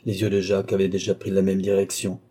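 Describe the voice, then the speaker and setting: A man narrates a classic novel in steady, even storytelling. His voice is very dark and mellow. A husky grain runs through every sentence. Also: deep voice, quick pace. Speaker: audiobook narrator. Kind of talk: scripted narration.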